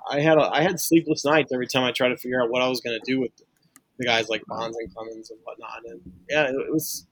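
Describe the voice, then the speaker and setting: A man's voice: mid-range voice, fairly even intonation, fast, a bit bright, breathy edge, no echo. A man from St. Louis, a sportswriter guest on a casual podcast, talking earnestly and restarting his sentences as he thinks aloud. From St. Louis, USA.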